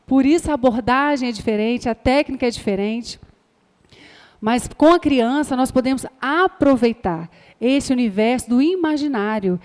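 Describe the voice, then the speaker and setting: High-voiced woman teaching in an echoey room. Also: darkish tone. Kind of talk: classroom lecture.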